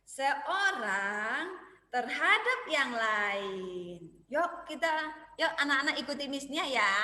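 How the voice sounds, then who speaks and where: A woman preschool teacher telling a story and leading young children in an online class, animated and exclaiming. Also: sits high. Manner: animated, exclaiming, sing-song. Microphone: video call. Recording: echoey room with long reverb.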